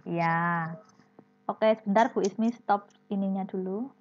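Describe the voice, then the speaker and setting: A woman's voice: medium pitch, measured pace, noisy background. A woman teaching a primary class online, explaining step by step and calling on students by name. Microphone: video call. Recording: dull lo-fi video call audio.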